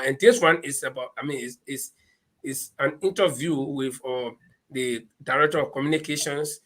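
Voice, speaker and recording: A man with a Liberian accent hosting an animated live political discussion, speaking emphatically and repeating his phrases. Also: mid-range voice. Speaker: panel host.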